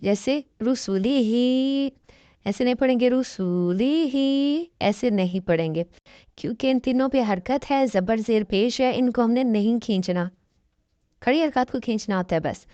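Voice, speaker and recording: A woman teaching Quran recitation with an Urdu accent, patiently explaining rules and sounding out each syllable slowly. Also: on the high side, dark tone, dry recording, muffled recording. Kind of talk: slow spelled-out lesson with drawn-out syllables.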